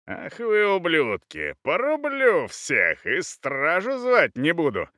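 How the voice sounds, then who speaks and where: A man's voice: on the high side, wildly swooping pitch, takes it slowly, sharp tone, dry recording, studio quality, pitched above the performer's own voice, full character voice. A man voicing a furious, half-naked man who roars at intruders with a sword in an audiobook. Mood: enraged. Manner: roaring, enraged.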